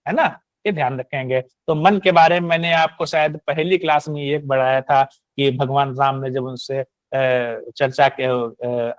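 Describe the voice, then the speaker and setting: A man teaching an online class, explaining slowly and emphatically and often checking in with the listeners by asking "है ना". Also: medium pitch, dry recording. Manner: didactic, repeats points with "है ना" tag questions. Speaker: Sanskrit and astrology teacher.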